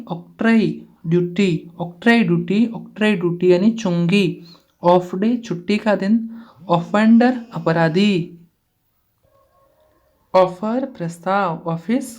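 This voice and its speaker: A woman teaching an exam-prep vocabulary lesson, reading each term and its meaning, repeating answers and asking quick questions to drill her students. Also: medium pitch, a little mellow. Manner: asks the class quick questions, casual asides.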